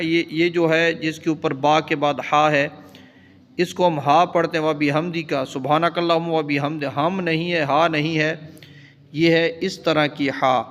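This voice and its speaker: Brief: male teacher with Pakistani Urdu accent, fairly high voice, flat delivery, long hall reverb. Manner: slow, drawn-out chanting of example words between quick explanations. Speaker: Islamic scholar teaching prayer recitation. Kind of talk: recitation lesson with chanted examples.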